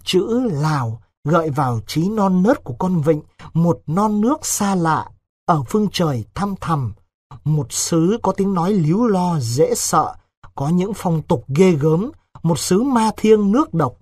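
A man narrating a story in a measured, expressive reading with a husky voice. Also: on the high side, no echo, studio quality.

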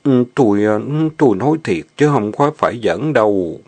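Brief: man doing a bashful young farmhand, halting and pleading, lower voice. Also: animated, a little mellow. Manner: stammering, pleading. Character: young male farmhand, shy and lovesick. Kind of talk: audio drama reading.

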